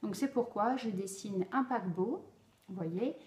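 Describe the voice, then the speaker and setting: A woman explaining how to teach a speech sound to children, slow and deliberate, with frequent pauses and fillers. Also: mid-range voice, darkish tone. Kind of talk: instructional explanation for parents. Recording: echoey room.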